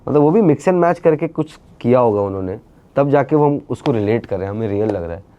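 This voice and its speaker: A man speaking as an interview guest, talking in an animated, casual way and dropping English phrases into his speech. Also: mid-range voice, brisk, lo-fi sound. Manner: animated, mixes English into speech, many fillers. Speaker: interview guest, actor and creator.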